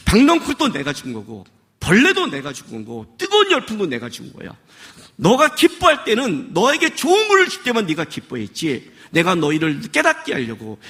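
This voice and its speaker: Man, pastor, preaching a sermon, scolding rhetorical questions, raised pitch, animated delivery. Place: worship service.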